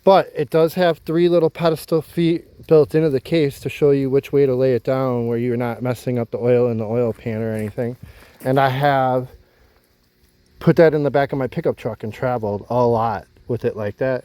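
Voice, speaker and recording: A man with a mellow, warm voice talks through a boat repair outdoors on a houseboat. He keeps it easygoing, explaining each step as he works with his hands, in a casual vlog style. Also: medium pitch, fairly even intonation, normal speed, clear, resonant tone, no echo. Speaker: vlogger.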